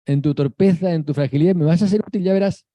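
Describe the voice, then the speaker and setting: A man speaking as a gentle, loving Virgin Mary inside a sermon, reassuring and lightly teasing. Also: fairly high pitch, quick pace, no room sound, dull audio, pitched above the performer's own voice, close to an everyday voice. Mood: tender.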